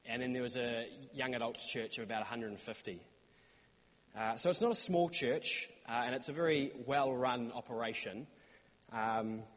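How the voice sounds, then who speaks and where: A young man with a New Zealand accent gives an earnest church talk about his mission stay, often pausing with "um" and "uh". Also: mid-range voice, slightly rough. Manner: earnest, many "um" and "uh" fillers. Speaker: church intern giving a report. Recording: reverberant hall sound.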